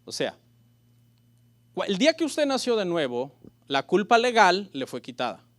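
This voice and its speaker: A man's voice: sits high, big pitch swings, moderate pace, a bit bright. A male pastor preaching a sermon. He asks the congregation rhetorical questions, calls them brothers, and briefly acts out the voices he quotes. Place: church.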